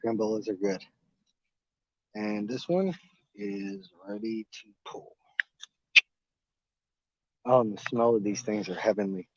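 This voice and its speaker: A man's voice: lowish voice, slow pace, pauses often, dry recording. Rambling man live-streaming from his garden. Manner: relaxed, rambling, chews fruit while talking. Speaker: gardening channel host. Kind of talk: casual live-stream chat. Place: outdoors in a home garden. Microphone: phone held in hand. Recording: dull lo-fi phone audio, dry.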